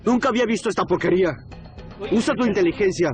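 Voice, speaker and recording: A man voicing an excitable, easily exasperated older amnesiac musician in a documentary dub, over music. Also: sits high, fast talker, close to an everyday voice. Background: music behind the voice.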